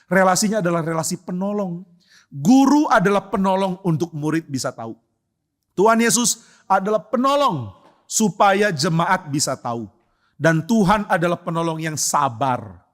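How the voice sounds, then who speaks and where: Male pastor, church sermon, conversational and humorous, rhetorical questions, fairly high voice. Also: lively intonation, moderate pace.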